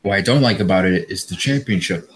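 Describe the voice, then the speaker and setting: A man's voice: low voice, animated, brisk, a little hiss or hum, low-quality recording. A man hosting a reaction stream in casual, joking chat, sarcastic and freely swearing.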